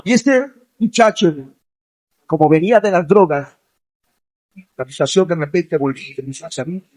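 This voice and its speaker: High-voiced man preaching with fervor. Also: lively intonation, moderate pace. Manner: impassioned, builds to forceful near-shouting exhortation; addresses listeners directly as young people. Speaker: evangelist preacher. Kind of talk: sermon.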